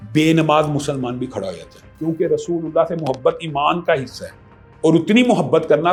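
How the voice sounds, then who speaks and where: A man's voice: on the high side, darkish tone. A man from Pakistan, a religious scholar answering interview questions emphatically and often asking rhetorical questions.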